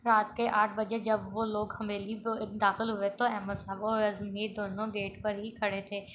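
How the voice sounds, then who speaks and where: Woman, novel reading, flat even delivery, small stumbles, dull lo-fi recording, faint hiss. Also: medium pitch, measured pace. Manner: reads every character in a mostly plain voice, with small stumbles and restarts. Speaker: novel reader.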